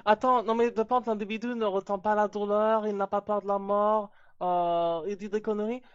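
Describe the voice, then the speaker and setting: Woman playing a muffled, halting sadistic female torturer. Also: mid-range voice, steady tone, no echo, close to an everyday voice. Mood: cold, irritated. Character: sadistic, threatening female torturer, foul-mouthed and taunting. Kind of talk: improvised role-play.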